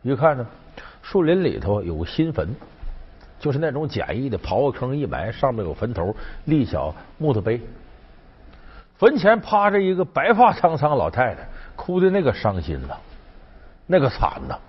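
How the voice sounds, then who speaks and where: A man's voice: mid-range voice, huge pitch swings, normal speed, husky. A man telling a folk legend in a chatty, colloquial storytelling style with folksy asides. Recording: dull lo-fi sound.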